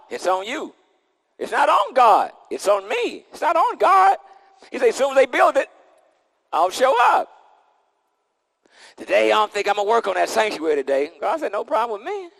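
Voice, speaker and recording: A man's voice: sits high, vocal fry, a bit bright, in a large hall. A man preaching a sermon into a pulpit microphone, emphatic and repetitive, with casual vernacular and call-and-response. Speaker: pastor.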